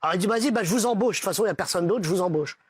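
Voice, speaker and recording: A man telling a string of jokes in a casual stand-up style, acting out the characters with stutters and shouts. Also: sits high, rapid-fire, husky, no echo, clean studio sound. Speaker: comedian.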